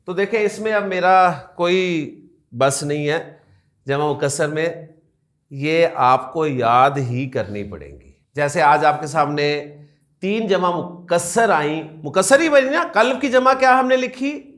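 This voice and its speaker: Man, high voice, classroom teacher, questions the class, repeats key points. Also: lively intonation, fairly bright tone. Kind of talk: classroom lecture.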